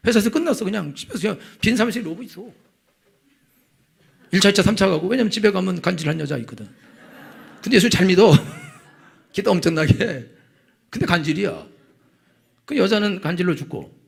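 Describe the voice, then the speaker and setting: A middle-aged male pastor preaching a sermon, telling stories with lively, acted-out outbursts. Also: high voice, vocal fry, breathy edge. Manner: animated storytelling, acting out angry prayers. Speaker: senior pastor.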